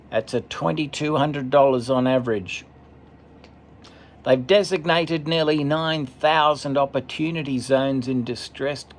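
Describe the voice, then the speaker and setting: A man commentating as he reads a list off a screen, steady, with occasional stumbles and asides. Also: a little high. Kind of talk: reading from a screen, casual commentary.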